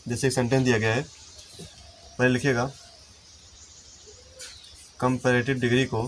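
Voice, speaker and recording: A man teaching English grammar in a lesson, explaining step by step and slowing down to dictate example sentences. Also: mid-range voice, flat delivery, a little hiss or hum. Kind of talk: Hindi-language classroom lesson.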